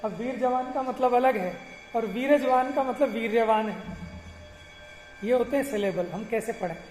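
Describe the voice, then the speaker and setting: A man's voice: high voice, darkish tone, soft background music. Man teaching scripture in echoey hall. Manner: asks rhetorical questions, chants verses slowly. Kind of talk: explanatory religious class lecture.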